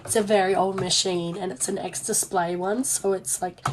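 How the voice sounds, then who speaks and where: Her voice going after an illness, a young Australian woman sounds hoarse and weak as she sews at home and chats on a livestream for her craft business. She keeps a medium pitch, fairly even intonation and moderate pace, rambling informally with self-deprecating humor. Clicks can be heard in the noisy room.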